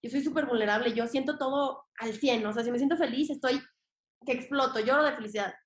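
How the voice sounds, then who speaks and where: Young Mexican woman, high voice, expressive slangy podcast guest, roomy echoey recording. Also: fast. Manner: expressive and slangy, acts out her inner voice. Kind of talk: casual conversation. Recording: echoey room.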